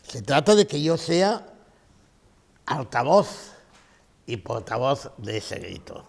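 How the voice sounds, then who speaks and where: A man's voice: mid-range voice, big pitch swings, slow, creaky. A man giving a conference lecture, emphatic, repeating his key phrases and asking rhetorical questions.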